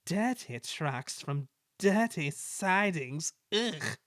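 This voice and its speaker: A man's voice: a little high, very animated, drawn-out words, a bit bright, no room sound, clean studio sound, voice pushed up, exaggerated voice. James, a haughty vain engine, as a man puts him on. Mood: grumbling. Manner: lofty and disdainful, grumbling. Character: proud vain male red engine.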